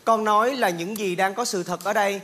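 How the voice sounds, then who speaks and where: A man's voice: high-pitched, a little fast, pushed and bright. A man playing a blunt, teasing young family member who mocks and reproaches the others, in a live stage comedy skit. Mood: mocking.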